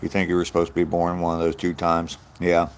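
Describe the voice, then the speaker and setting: A low, clear, resonant voice with completely flat delivery comes fast from an American vlogger in his sixties. While walking outdoors he answers live chat, rambling casually, reminiscing, and chuckling often.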